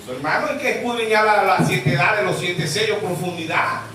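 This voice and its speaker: High-voiced pastor in an echoey church. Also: male voice, a little fast, a crowd in the background. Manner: keeps asking the congregation "yes or no?" for an amen. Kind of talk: evangelical sermon. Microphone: distant mic. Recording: echoey church from far off, noisy.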